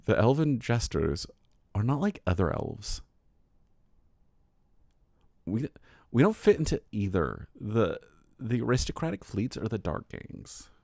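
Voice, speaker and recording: A man's voice: lowish voice, very animated, a little slow, gravelly, pauses often, darkish tone, dry recording, studio quality, full character voice. A man putting on a valley girl voice for a snooty elf who insists she is not like the others. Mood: smug.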